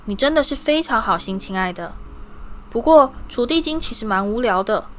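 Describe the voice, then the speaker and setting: Storybook part: a firm, scolding mother witch, voiced by a woman reader, pitched a bit high, soft on her guest. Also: expressive, normal speed, slight background noise. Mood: gentle. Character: stern but caring mother witch.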